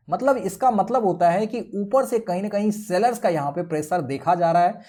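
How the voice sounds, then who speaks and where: A man walks viewers through a price chart in a tutorial. His delivery is animated and rises and falls a lot. He explains step by step and keeps checking in with the audience. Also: high-pitched. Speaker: trading educator. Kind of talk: screen-share chart tutorial.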